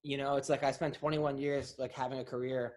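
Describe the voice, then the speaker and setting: A man's voice: medium pitch, little pitch movement, brisk, a little mellow. A man on a podcast talking casually as an unsure new father who rambles while asking for parenting advice. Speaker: podcast co-host. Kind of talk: casual chat.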